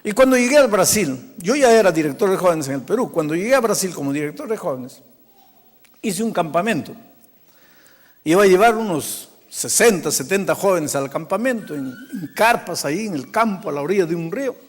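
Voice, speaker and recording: A male pastor telling a story in a sermon, animated, swinging from loud bursts to hushed, quiet passages. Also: sits high, fairly quick. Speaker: pastor, preacher. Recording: long hall reverb.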